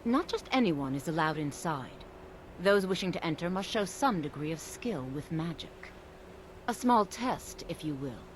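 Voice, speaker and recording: A stern high elf gate mage, voiced by a woman in a fantasy video game. Her voice sits low but moves a lot in pitch, with formal, measured phrasing. A light background noise runs under it. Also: lively intonation, natural voice. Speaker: college gate guard.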